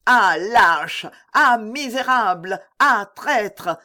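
A man's voice: high voice, lively intonation, takes it slowly, voice pushed up. A man voicing an old, loyal nobleman officer who barks battle commands in an audiobook. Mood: commanding.

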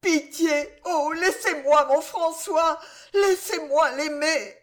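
A woman's voice: high-pitched, slow, pitched above the performer's own voice. A woman voicing a desperate young noblewoman who begs and sobs for mercy in an audiobook reading. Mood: desperate pleading. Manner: frantic, sobbing pleas. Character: desperate young noblewoman, pleading wife and mother.

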